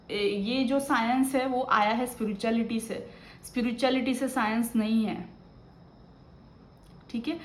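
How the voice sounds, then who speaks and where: A woman's voice: fairly high pitch, roomy sound, a little hiss or hum. A woman doing a tarot reading, talking casually and giving advice, often checking in with the listener. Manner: chatty and advising, often tagging "ठीक है ना". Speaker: tarot reader.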